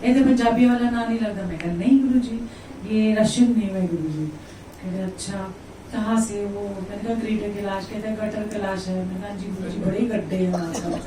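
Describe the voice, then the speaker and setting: A woman telling a personal devotional story to a gathering, animated and acting out the dialogue of the people in it. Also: medium pitch, normal speed, a little hiss or hum. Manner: animated, acts out quoted dialogue. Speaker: devotee sharing a testimony. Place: indoor devotional gathering with listeners present. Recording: echoey room, voice from a distance, faint ambience.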